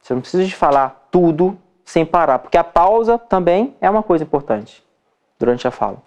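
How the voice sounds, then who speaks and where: A man's voice: fairly high pitch, animated, a little fast, a little mellow. Chatty Brazilian man giving a lesson. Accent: Brazilian Portuguese. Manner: chatty, checks in with frequent "tá?" and "entendeu?"; acts out examples with shifting voice. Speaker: dermatologist teaching other doctors. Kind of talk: informal lecture.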